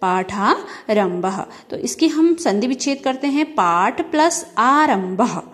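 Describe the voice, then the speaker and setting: A woman teacher giving a grammar lesson, asking questions and answering them herself, slowly stretching out sounds as she spells them. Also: high voice, animated. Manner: asks questions and answers them herself, repeating key terms; drawn-out syllables when spelling out sounds.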